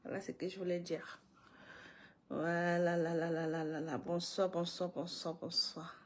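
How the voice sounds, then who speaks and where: A woman's voice: lowish voice, flat delivery, a little slow, breathy edge. A woman hosting a casual live stream, greeting viewers one by one, repeating herself and laughing often between lines.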